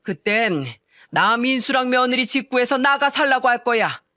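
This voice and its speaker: A woman's voice: on the high side, expressive, no room sound, studio quality, pitched above the performer's own voice. A woman doing a stern old father-in-law. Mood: angry. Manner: slow, loud and commanding.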